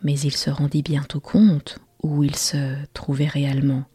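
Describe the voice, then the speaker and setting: A woman's voice: deep voice, flat delivery, breathy edge, no room sound, faint music behind. Woman whispering a bedtime story, whispered role-play. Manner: slow, hushed whispering.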